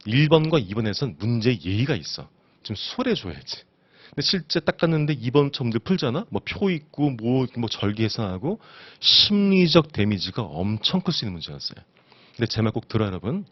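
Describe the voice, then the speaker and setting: Animated male exam-prep lecturer. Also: mid-range voice, fairly quick, husky, no room sound, dull audio. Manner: animated, asks students rhetorical questions. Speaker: instructor.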